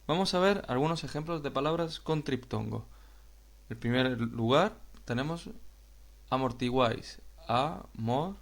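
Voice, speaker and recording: A man with a Spain Spanish accent, teaching a grammar lesson in a slow, explanatory way and addressing viewers directly. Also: on the high side, gravelly. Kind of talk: video lesson narration.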